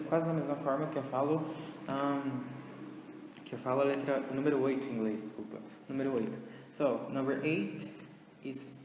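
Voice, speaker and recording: A man teaching an English lesson with a Brazilian Portuguese accent, slow and patient as he moves between Portuguese and English. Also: medium pitch, a little mellow, a little hiss or hum. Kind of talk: recorded online lesson. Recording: echoey room with long reverb.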